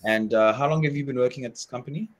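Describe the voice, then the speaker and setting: A man's voice: medium pitch, quick pace. A man who works as an English teacher, chatting casually on a video call, asking questions and encouraging the other speaker. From South Africa.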